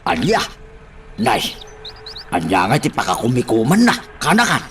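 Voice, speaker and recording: A man's voice: mid-range voice, huge pitch swings, normal speed, fairly bright tone, slight background noise. A man playing a fretful worried uncle. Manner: fretful, exclaiming. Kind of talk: radio drama.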